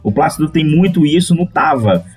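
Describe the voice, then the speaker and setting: A man's voice: fairly high pitch, animated, normal speed, darkish tone, slightly rough, soft background music. A man from Manaus with a Manaus Brazilian Portuguese accent, chatting casually as a podcast host and laughing often. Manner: chatty, laughing, many restarts.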